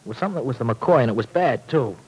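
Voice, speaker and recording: Plainspoken slangy young city lug, loyal, old radio soap, very animated voice. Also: male voice, medium pitch, rapid-fire, husky, poor audio. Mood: wary, protective.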